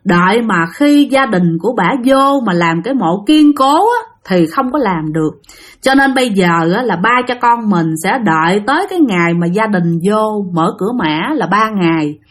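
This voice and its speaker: A woman with a Southern Vietnamese accent chats her way through a spoken ghost story, addressing the audience directly. She speaks at a moderate pace with a medium pitch and lively intonation.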